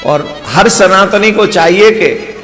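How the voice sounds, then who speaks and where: A man's voice: sits high, slow, fairly bright tone. A man with a Braj-tinged Hindi accent telling a devotional story as a sermon, adding playful asides to the listeners. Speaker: spiritual preacher. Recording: long hall reverb with faint music.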